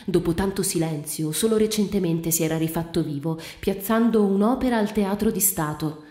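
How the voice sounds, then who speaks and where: A woman reading a literary short story aloud in a measured, even storytelling manner. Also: on the low side. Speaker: reader. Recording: roomy reading with faint music.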